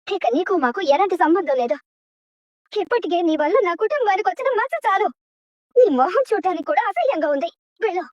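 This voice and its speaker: A woman's voice: very high voice, no echo, dull audio. An actress playing a furious middle-aged mother who scolds and disowns her daughter in a TV serial drama. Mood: bitter. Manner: scolding, bitter, loud. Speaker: mother of the bride.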